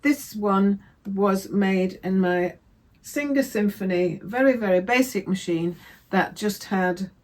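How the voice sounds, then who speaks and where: A woman from England talks through her sewing projects in a relaxed, meandering way. She wanders off on side notes and stops to correct herself, and her voice sits at an ordinary middle pitch. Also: slow. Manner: chatty, rambling, self-correcting. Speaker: sewing vlogger. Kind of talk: casual crafting chat.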